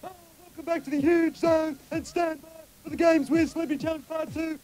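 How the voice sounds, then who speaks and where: A man putting on the voice of a frantic, excitable wrestling ring announcer, shouting breathless play-by-play. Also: very high-pitched, brisk, poor audio. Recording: loud noise behind the voice.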